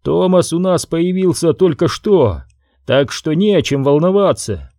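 A man's voice: fairly high pitch, expressive, a little slow, dark tone, no echo, studio quality, pitched above the performer's own voice. Man playing a stern young leader, firm commands, threatening, raised voice. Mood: commanding.

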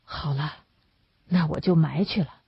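A woman's voice: low-pitched, measured pace, gravelly, slightly rough, no room sound, heavily acted. A woman reader voicing a poor working man who speaks plainly and colloquially, muttering some asides. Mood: coaxing. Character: poor laborer man, blunt then kindly. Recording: dull lo-fi dry recording.

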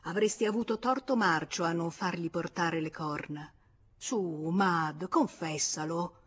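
A woman's voice: fairly low pitch, unhurried, close to an everyday voice. Fields: Figure: a woman reading a jealous needling young husband. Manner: coaxing, insistent. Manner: coaxing, pressing, sly.

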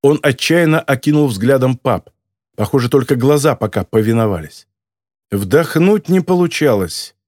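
A man narrating an audiobook in an even, measured storytelling voice. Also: mid-range voice, no echo, clean studio sound. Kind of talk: scripted narration.

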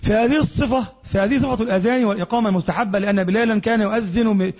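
A quick-talking Egyptian man teaches a religious lesson in a fairly high, husky voice. He explains each point and keeps putting questions to his class. The recording is dull and lo-fi. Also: darkish tone. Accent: Egyptian Arabic. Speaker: sheikh teaching Islamic jurisprudence.

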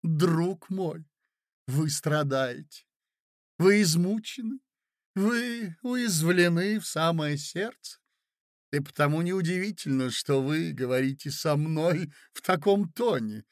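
A scheming middle-aged lady, read by a man speaks in a soft, honeyed, coaxing voice. She draws her words out gently. This is a close, dry audiobook reading with a fairly high male voice. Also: sing-song, measured pace, no room sound. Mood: soothing. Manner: soft, sweet, coaxing, reproachful.

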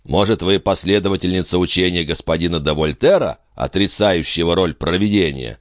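A man's voice: low voice, fairly quick, no room sound, clean studio sound, lightly acted. A man voicing a smug, pompous, self-important husband in a read-aloud story. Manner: pompous, sanctimonious.

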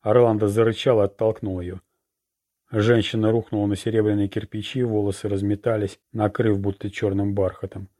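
A man narrating a fantasy novel chapter in a steady, even reading. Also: on the low side, fairly quick. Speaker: audiobook narrator. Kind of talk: scripted narration.

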